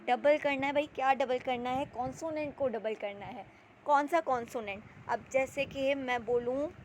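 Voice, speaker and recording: High-pitched woman teaching spelling rules. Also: slight background noise, rough recording. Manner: explains in Hindi with English terms, asks and answers own questions. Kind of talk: spelling lesson.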